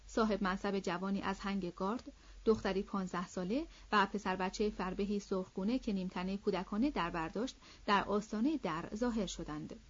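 A woman narrating a classic novel as an audiobook in a steady, measured reading voice. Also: medium pitch. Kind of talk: scripted literary narration. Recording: slightly dull lo-fi audio.

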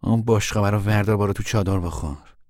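A man's voice: mid-range voice, lively intonation, no echo, clean studio sound, lightly acted. An actor playing a firm, protective young man in a radio play, speaking directly. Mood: gentle.

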